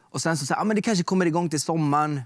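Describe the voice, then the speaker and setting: A man's voice: fairly high pitch, no echo. Young male guest, loose and chatty, fills his talk with filler words, dry close sound. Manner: relaxed storytelling with fillers like "liksom" and "typ". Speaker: guest artist. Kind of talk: casual chat.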